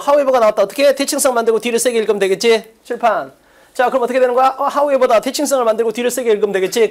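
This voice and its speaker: A woman lecturer teaching an online exam-prep class in a brisk, drilling manner, asking quick check-questions and dropping chatty asides. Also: mid-range voice, a little mellow. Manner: casual, chatty asides with laughs.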